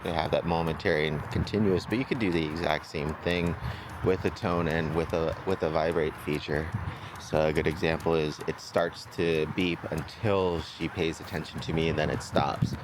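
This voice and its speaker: This outdoor clip features a dog trainer with a steady bass voice, walking through a demonstration at a moderate pace amid background noise. His manner is relaxed and informal, reasoning aloud and checking with "right?".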